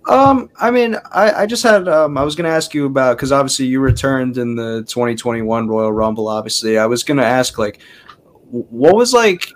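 A man's voice: medium pitch, expressive, moderate pace. A man hosting a podcast interview, asking questions in a hesitant way with many fillers. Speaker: podcast host. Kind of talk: casual interview chat.

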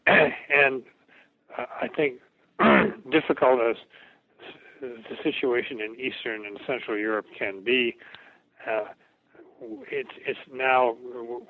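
An older man, a historian, answering interview questions in a reflective academic way, halting and repeating words as he thinks. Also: medium pitch. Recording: tinny phone-like radio recording.

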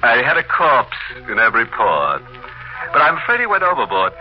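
An actor playing a sinister, punning horror host of an old radio mystery show, in 1940s radio acting. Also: male voice, mid-range voice, wildly swooping pitch, normal speed. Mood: gloating. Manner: macabre puns with chuckles. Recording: dull old radio recording with music.

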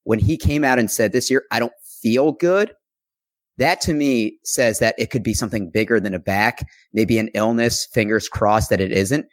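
A man's voice: lowish voice, normal speed, no room sound. A man talking through fantasy baseball stats in an analytical, earnest way during a casual chat. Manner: analytical, stat-heavy, earnest.

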